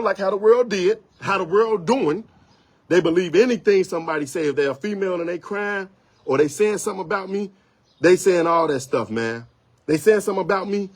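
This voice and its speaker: A man's voice: high voice, slightly rough. A man talking on a livestream, rambling and defensive, repeating himself and apologizing earnestly. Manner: rambling, repetitive and defensive, with many restarts. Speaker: photographer on a livestream. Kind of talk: unscripted livestream monologue.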